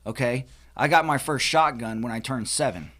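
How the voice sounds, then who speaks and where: A man's voice: medium pitch, moderate pace, a bit bright. An American man holds forth in a casual group chat. He talks emphatically and often restarts his sentences as he makes his point. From United States. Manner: emphatic, lecturing, with many restarts. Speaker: podcast co-host.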